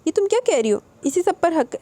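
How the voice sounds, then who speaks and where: A woman's voice: extremely high pitch, big pitch swings, mellow, pitched above the performer's own voice. A woman reading the lines of an ill young husband, tender and pleading. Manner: pleading, affectionate.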